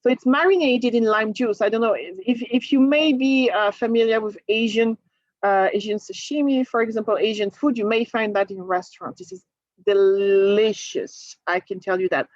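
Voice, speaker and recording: A travel agent with a French accent, a native speaker from France, gives a casual cruise presentation to a group. Her voice is a little high and fairly quick, and she laughs often and restarts her words. The recording is dry and muffled.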